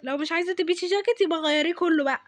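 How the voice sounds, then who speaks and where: A strict, conservative mother nags and scolds her daughter in a high, insistent Egyptian voice, as a woman acts her out. She talks loudly and firmly, pressing her point again and again. The recording is dry and close. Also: very fast, no room sound. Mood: scolding.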